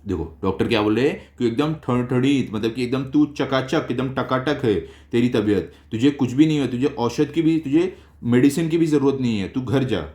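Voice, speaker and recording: A man's voice: mid-range voice, moderate pace, a little mellow. Man explaining a school lesson. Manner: reads a line, then explains it in simple terms. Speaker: teacher. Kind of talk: explaining a textbook chapter.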